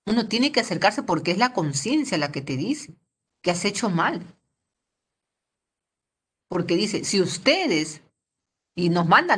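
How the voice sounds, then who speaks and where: Lowish-voiced woman teaching scripture. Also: fairly bright tone, slightly rough. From Peru. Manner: conversational, tags most sentences with a questioning "¿no?". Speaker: Bible school teacher. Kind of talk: Bible lesson for teenagers.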